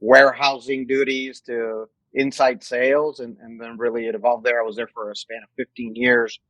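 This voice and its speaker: Male guest from Mexico, about forty, mid voice, deliberate answers, dry recording. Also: medium pitch, level tone, a bit bright, no room sound, low-quality recording. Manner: measured, restarts phrases while thinking. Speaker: guest, company executive. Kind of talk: casual interview.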